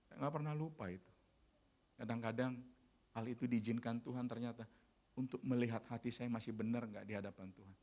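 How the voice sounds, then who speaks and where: A man preaching a sermon as pastor, telling a personal story in an animated way that grows loud and emphatic. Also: mid-range voice, brisk.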